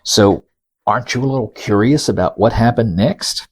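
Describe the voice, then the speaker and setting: A podcast host and narrator tells scripted stories in a folksy, conversational style, reading quotes and tossing teasing asides to the listener. His voice is lowish, a little mellow and husky, at a normal speed.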